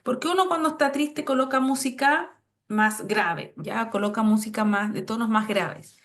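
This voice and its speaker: A woman's voice: a little high, normal speed, a bit bright. A woman, giving an online psychology lecture in a conversational way and often checking in with her listeners. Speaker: course instructor, psychologist.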